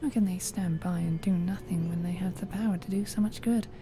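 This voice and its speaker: A woman voicing a secretive witch who reads her journal in an earnest, self-justifying, measured way. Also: fairly low pitch, fairly even intonation, natural voice. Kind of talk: recorded game voice-over.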